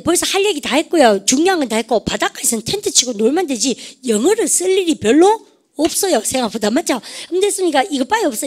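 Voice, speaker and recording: A woman teaching an English vocabulary lesson, leading call-and-response drills and constantly addressing her students. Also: high voice. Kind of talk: lively classroom-style vocabulary lesson.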